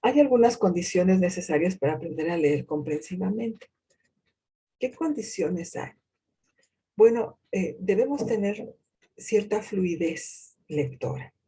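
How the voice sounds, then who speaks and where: Woman lecturer, slow and deliberate, mellow husky tone, asks herself questions. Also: on the low side, lively intonation. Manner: deliberate, poses rhetorical questions, frequent hesitations. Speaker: university lecturer. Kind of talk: recorded lecture on reading comprehension.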